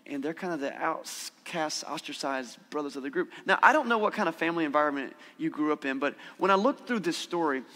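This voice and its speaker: Bright-voiced pastor preaching in a reverberant hall. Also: male voice, a little high. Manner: conversational, asks the congregation questions. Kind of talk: sermon. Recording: church hall with long reverb.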